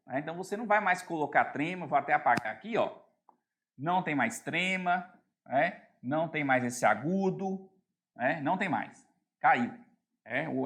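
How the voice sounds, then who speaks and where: A man's voice: a little high, a bit bright. A man with a Brazilian Portuguese accent teaching an exam-prep grammar lesson, explaining step by step and often checking that students are following.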